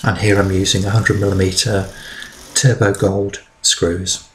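A middle-aged man narrating his DIY build in a relaxed, practical way with fillers. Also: deep voice, a little slow, slight background noise. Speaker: DIY vlogger.

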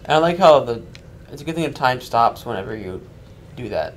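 A man's voice: medium pitch, lively intonation, fairly quick, slight background noise. A man co-hosting a let's-play with casual, offhand banter and comments on the gameplay. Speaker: gaming video co-host.

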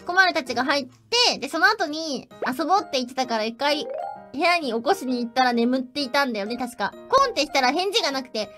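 Giggly high-voiced young woman streamer. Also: pushed and bright. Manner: giggly, laughs often between sentences; playful and chatty. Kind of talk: casual stream chat.

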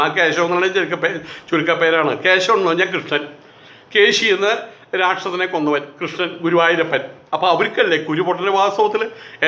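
A man's voice: high voice, bright, forceful tone. A man delivering a heated, sarcastic monologue of commentary, often mimicking others in quoted asides. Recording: echoey, slightly dull recording.

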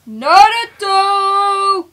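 A woman's voice: extremely high pitch, expressive, very slow, bright, forceful tone. A woman acting out an improvised plush-toy skit with a childlike, insistent, teasing delivery. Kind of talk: playful improvised puppet skit with plush toys. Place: small carpeted room at home. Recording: noisy home camera recording.

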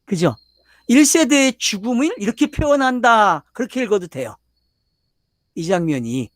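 Here an older pastor's sermon lecture is full of constant questions to his listeners and emphatic, insistent points. His high voice has a sing-song lilt at a moderate pace, recorded in studio quality with no echo.

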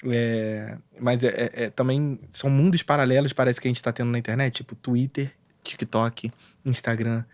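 Carioca male podcast host, medium pitch, upbeat slangy interviewer, dry close sound. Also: fairly even intonation, moderate pace, darkish tone, dry recording. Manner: enthusiastic, slangy, chatty.

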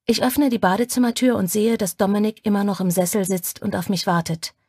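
Husky woman narrating an audiobook. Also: mid-range voice, fairly even intonation, mellow, dry recording, studio quality. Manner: intimate, measured storytelling. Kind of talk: scripted first-person narration.

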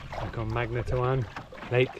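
A man's voice: mid-range voice, moderate pace, noisy background. A man in his forties, vlogging casually and reflectively from a canoe on a lake, chuckling now and then. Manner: relaxed, reflective, chuckles often. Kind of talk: casual outdoor vlog narration. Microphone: action camera on the boat.

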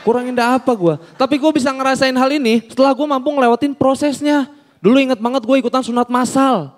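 High-voiced young man. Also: fast talker, a little hiss or hum. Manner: animated storytelling, acts out quoted people. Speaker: stand-up comedian. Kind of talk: stand-up comedy set. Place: on a comedy stage before an audience.

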